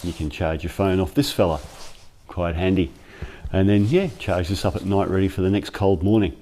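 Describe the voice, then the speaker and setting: A man's voice: sits low, steady tone, moderate pace, mellow, slight background noise. A man giving a casual, chatty product review in his workshop, thinking aloud as he goes, on a clip-on mic. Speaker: workshop vlogger. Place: cold workshop. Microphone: clip-on lapel mic.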